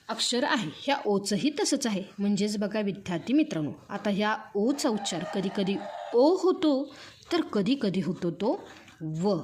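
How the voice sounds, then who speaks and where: A woman's voice: medium pitch, a little hiss or hum. A woman with a Marathi accent teaching a grammar lesson, drilling each point with repeated rhetorical questions. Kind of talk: classroom grammar lecture.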